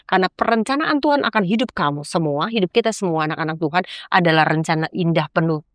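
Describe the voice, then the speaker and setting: A woman's voice: on the low side, fast, no echo. Earnest woman sharing her testimony. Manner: earnest, preachy, acts out her own pleas in a rising voice. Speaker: podcast guest. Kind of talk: emotional personal testimony.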